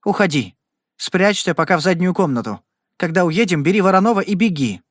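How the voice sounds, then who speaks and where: A man's voice: high-pitched, animated, brisk, no room sound, studio quality, voice pushed up. A man reading an audiobook, voicing a frightened but proud young frontier woman in a raised voice. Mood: urgent.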